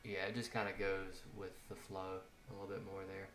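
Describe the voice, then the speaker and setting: Low-voiced man thinking aloud while coding. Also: little pitch movement, a little fast, loud music behind the voice. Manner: thinks aloud, self-correcting while typing. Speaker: coding tutorial host. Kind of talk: casual screencast coding walkthrough. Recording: roomy home office, audible typing noise. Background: keyboard typing and mouse clicks.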